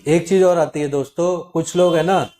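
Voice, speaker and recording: A man hosting his channel, talking casually and animatedly to viewers and acting out callers' lines in quick quotes. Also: on the high side, steady tone, mellow. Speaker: channel host advising viewers on loan recovery calls. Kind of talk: casual talk to camera.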